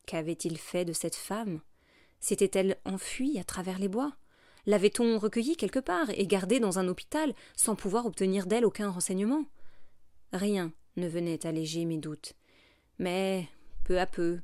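Female narrator, measured and somber, literary read-aloud, dry studio sound. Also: fairly low pitch, darkish tone, no room sound. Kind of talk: scripted narration of a literary tale.

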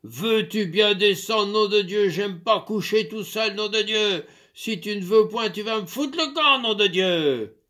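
A man voicing a gruff, bullying old farmer master who bellows and swears in rough rustic speech, in a storybook reading. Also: a little high, big pitch swings, slow, pitched above the performer's own voice. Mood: bellowing furious.

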